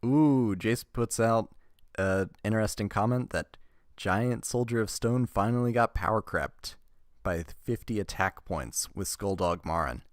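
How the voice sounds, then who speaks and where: At a measured pace, a fairly low-voiced man reviews trading cards, reading out each card's text with wry comments and the occasional laugh. The sound is close and dry, with no echo or room sound, and his manner is easygoing and chatty.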